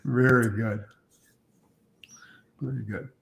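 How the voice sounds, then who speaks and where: A man who has just finished a presentation, talking on a video call with animated, emphatic bursts. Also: medium pitch, takes it slowly, gravelly. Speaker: presenter taking questions. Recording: echoey room.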